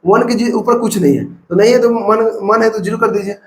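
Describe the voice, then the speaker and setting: Male math tutor with a Bihari Hindi accent, high-pitched, coaching step by step in a roomy space. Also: steady tone, a little fast, slight background noise. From India. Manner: step-by-step coaching, repeats numbers aloud. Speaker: math teacher. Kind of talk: classroom math lesson. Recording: echoey room.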